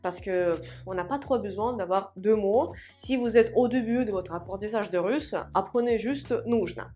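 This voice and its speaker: A woman teaching a language lesson online, explaining grammar step by step and repeating example sentences slowly and deliberately. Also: mid-range voice, warm tone, faint music behind.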